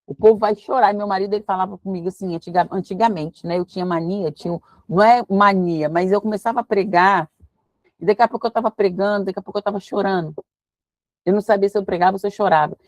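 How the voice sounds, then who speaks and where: A woman leading a devotional Bible study. She reads scripture slowly and explains it in a lively, conversational preaching tone. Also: medium pitch, no room sound.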